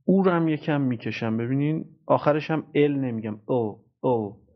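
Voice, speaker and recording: A man giving a pronunciation lesson, patiently repeating words slowly many times. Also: a little high. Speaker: English teacher. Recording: tinny phone-like audio.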